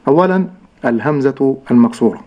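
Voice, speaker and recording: A man teaching correct Quran recitation, slowly sounding out each syllable and contrasting right and wrong pronunciation. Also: medium pitch, lively intonation, highs cut off. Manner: slow, deliberate, models sounds syllable by syllable. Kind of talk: tajweed pronunciation lesson.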